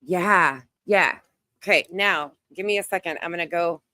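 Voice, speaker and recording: A YouTube creator hosts casual live commentary over a screen share, speaking off the cuff and narrating her own steps as she browses. Her low-pitched voice has a sharp tone and moves at normal speed, and she repeats phrases for emphasis. The recording is close, dry, and free of echo.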